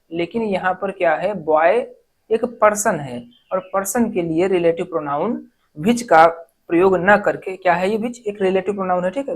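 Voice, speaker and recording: A woman teaches a grammar lesson for exam preparation. Her voice sits a little low. She reads each example sentence slowly, word by word, then goes back over it step by step. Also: poor audio. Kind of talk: exam-prep lesson explaining errors.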